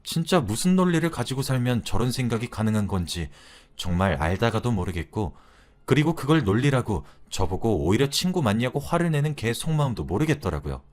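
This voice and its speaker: A man's voice: mid-range voice, very animated, brisk, darkish tone. A man narrating a wife's real-life story in a chatty, confiding storyteller's manner. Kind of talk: scripted narration of a listener's story.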